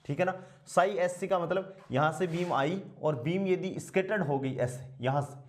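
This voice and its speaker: A man teaching a physics class, asking rhetorical questions and answering them himself, and slowing down to dictate while he writes. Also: a little high. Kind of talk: blackboard lecture.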